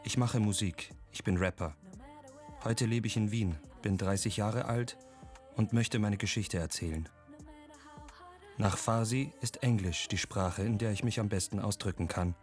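A man reading a voice-over translation in a calm, even way. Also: fairly low pitch, unhurried, faint music behind.

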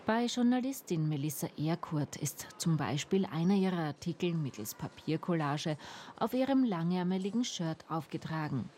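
Mellow-voiced female reporter. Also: on the low side, lively intonation, moderate pace, slight background noise. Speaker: radio reporter. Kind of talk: scripted feature narration.

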